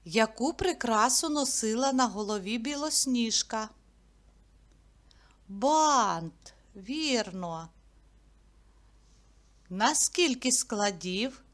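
A woman teacher with a slightly high voice talks very slowly. She asks easy questions and answers them herself, stretching each word so it is clear. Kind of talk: slow, clear classroom lesson narration.

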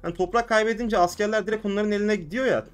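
A young man hosting a gaming channel, commenting excitedly on a strategy game, exclaiming and swearing at what happens on screen. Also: high voice, racing. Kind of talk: excited let's-play commentary.

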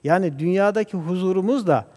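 A man speaking as a guest scholar on a religious TV program, talking in a measured, preacher-like way and reciting Arabic verses. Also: high voice, darkish tone, big-room sound. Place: TV studio.

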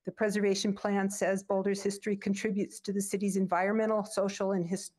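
A woman's voice: medium pitch, little pitch movement, brisk, darkish tone. An older woman and former landmarks board chair calls in remotely over a video link and reads an earnest, formal public comment that includes a long quoted passage. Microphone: remote video call.

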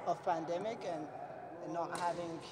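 A man's voice: fairly high pitch, steady tone, moderate pace, heavy background noise. A man chatting casually between badminton rallies in a large indoor sports hall, talking in a playful, teasing way, picked up by a far camera. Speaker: badminton player.

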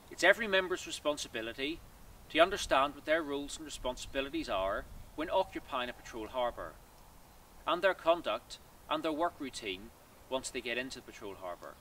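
A man in his thirties teaches field drills outdoors with a bright, forceful voice whose pitch rises and falls a lot as he stresses each step. His delivery is measured and precise, like a prepared military briefing. Faint outdoor noise sits under the voice, picked up by a camera some distance away. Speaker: cadet force instructor. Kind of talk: scripted instructional talk. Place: outdoors in woodland.

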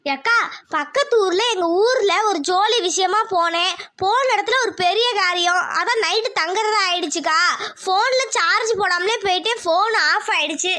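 A woman's voice: very high voice, normal speed, pushed and bright. A woman doing a defensive cartoon village woman. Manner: pleading, defensive.

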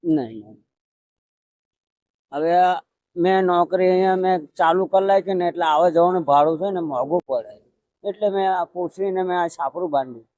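Halting, high-voiced elderly man. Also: a little mellow, dry recording. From Pavagadh, Gujarat. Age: older. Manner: halting, repetitive, plaintive. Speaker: interviewee. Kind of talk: emotional conversational interview. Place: outdoors by a roadside hut.

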